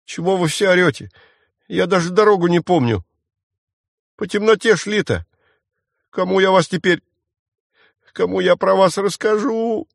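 A man's voice: mid-range voice, expressive, no room sound, studio quality, close to an everyday voice. A man reading an audiobook voices a frightened, defiant boy thief who whines and snaps back. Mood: indignant. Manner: squabbling, whining, quick to snap back. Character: scrappy scared boy thief, defiant and whiny.

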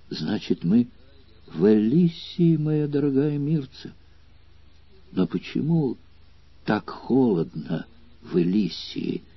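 A dying young man murmurs tenderly, weak and halting, as a man reading the story voices him. The voice drops quiet, and the recording is dry and dull. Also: lowish voice, slightly rough, dry recording, heavily acted.

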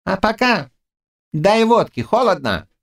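A male narrator voicing a furious Tatar warlord with a hoarse, high, snarling voice in an audiobook. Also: very animated, a little slow, exaggerated voice. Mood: raging. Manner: snarling, high-pitched shouting.

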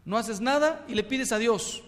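A middle-aged Mexican man, a priest, giving a humorous sermon with lively, punchy storytelling in a hall. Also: very high voice, normal speed. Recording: long hall reverb.

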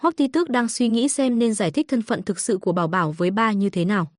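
A woman narrating a comic story in an even storytelling read. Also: mid-range voice, fast talker, dry recording, studio quality.

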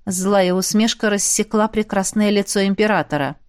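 A woman reading a fantasy novel aloud at a middle pitch. Her narration is even and steady, with a measured, unhurried storytelling pace. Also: clean tone. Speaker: audiobook narrator.

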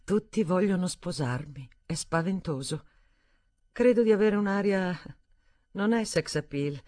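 A woman's voice: medium pitch, darkish tone, dry recording, studio quality, pitched above the performer's own voice, lightly acted. A woman reading the part of an upset young woman in an audiobook, rising to emotional outbursts.

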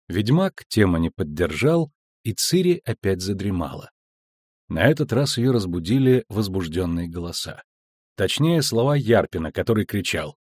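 An expressive male narrator reads a fantasy audiobook with a very lively pitch. His voice is husky. The recording is dry and close, with no room sound. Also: no room sound. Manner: expressive, measured storytelling. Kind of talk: audiobook reading.

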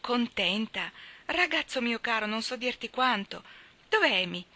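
A woman reading a novel aloud, voicing a lively, outspoken young woman who exclaims and teases. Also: mid-range voice, moderate pace, full character voice. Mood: overjoyed. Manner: exclaiming, teasing. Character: lively young woman, blunt and warm-hearted.

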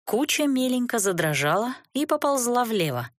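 A woman narrating a first-person fantasy audiobook in a measured, expressive storytelling manner. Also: on the high side, no echo, clean studio sound.

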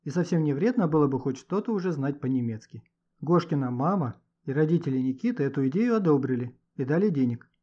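A man narrating a children's story in an expressive, scripted reading. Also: on the high side, quick pace. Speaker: audiobook narrator. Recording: dull lo-fi recording.

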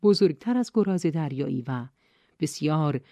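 A woman reading an audiobook in measured, even storytelling narration on a close studio mic. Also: sits low, vocal fry.

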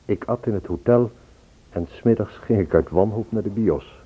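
In a tinny, phone-like old recording of a Dutch radio play, an actor voices an earnest, lovesick man searching for a woman, acting and narrating wistfully in first person. He speaks at normal speed in a fairly low, husky voice.

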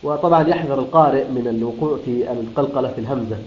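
A man's voice: mid-range voice, very fast. A man teaching Quran recitation rules, explaining step by step, repeating terms and answering his own questions. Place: room of a Quran school. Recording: roomy, dull lo-fi room recording.

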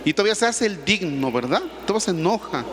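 A man, a priest giving an animated, teasing sermon in a large church. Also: high voice, quick pace, big-room sound, a little hiss or hum. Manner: animated storytelling, teasing the congregation.

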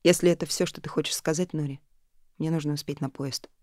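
A cool, stubborn young man, as a woman narrator puts him on, answering in short, level lines. Her voice sits low and mellow. The sound is dry and close. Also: steady tone, a little fast, no room sound, natural voice. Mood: firm. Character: calm, stubborn young man, the hero's love. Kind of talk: audiobook character reading.

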